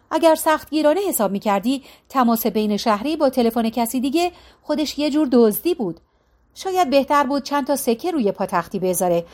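A woman narrating a novel in a calm, measured storytelling voice. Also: high-pitched. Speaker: audiobook narrator. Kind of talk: scripted narration.

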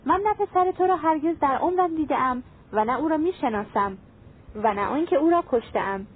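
A woman's voice: high voice, lively intonation. Storybook brief: woman reading a scared merchant begging for mercy, thin narrow sound. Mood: pleading. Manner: pleading, desperate. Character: frightened male merchant pleading for his life. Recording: tinny phone-like sound.

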